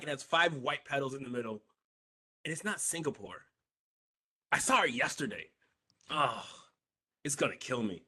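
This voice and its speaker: A man's voice: fairly high pitch, pushed and bright. A young man co-hosting a podcast, chatting casually, rambling and correcting himself, laughing often. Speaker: podcast co-host. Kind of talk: casual chat.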